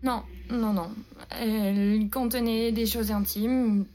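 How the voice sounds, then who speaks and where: Anxious hypnotized wife, hesitant, stammering, slow, higher voice. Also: female voice, fairly even intonation, warm tone. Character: anxious married woman under hypnosis. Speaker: married woman cousin.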